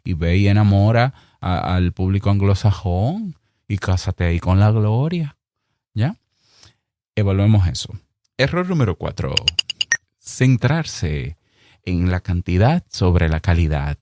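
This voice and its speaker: A man with a Dominican Spanish accent giving podcast advice in a clear, deliberate, emphatic way, acting out little exchanges. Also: sits low, animated, dark tone, no echo, studio quality. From Dominican Republic. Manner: emphatic, chatty, mock-acts little dialogues. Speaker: podcast host. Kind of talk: solo podcast advice monologue.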